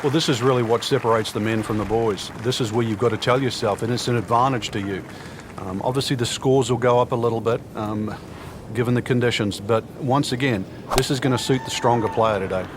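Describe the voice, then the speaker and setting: A man's voice: mid-range voice, a little fast, background noise, close to an everyday voice. A man giving golf commentary as the analyst, explaining strategy and conditions in an advisory way.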